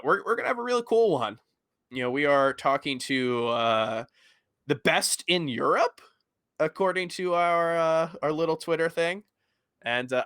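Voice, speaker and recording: A man's voice: fairly high pitch, pushed and bright, smooth, dry recording, studio quality. A man hosting a casual podcast, joking and laughing often as he talks with friends. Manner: jokey, laughs often, playful bits. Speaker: podcast host.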